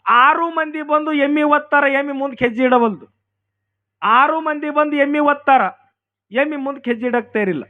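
A man's voice: extremely high pitch, normal speed. A man with a North Karnataka Kannada accent telling a devotional story in a sing-song, emphatic manner, repeating his phrases. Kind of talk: religious storytelling discourse. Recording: tinny phone-like sound, faint accordion. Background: faint accordion music.

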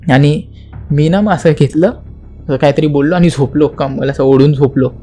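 A young man with a fairly high voice tells a spooky story as a podcast guest. He retells it dramatically, acting out the voices and the knocking sounds, and slips English words into his speech. Soft music plays faintly behind him. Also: fairly even intonation, normal speed.

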